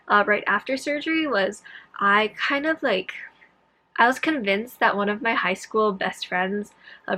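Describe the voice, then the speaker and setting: In a sharp-toned, mid-range voice, a young woman talks casually to her vlog audience, jumping around and breaking off her own sentences. Her throat is sore after having her tonsils out, so some words come out awkwardly.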